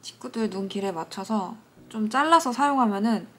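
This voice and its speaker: A woman's voice: mid-range voice, brisk. Chatty young woman doing a makeup tutorial. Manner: chatty, animated when storytelling, soft asides. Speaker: beauty vlogger. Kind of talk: casual makeup tutorial with storytelling. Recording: faint music behind.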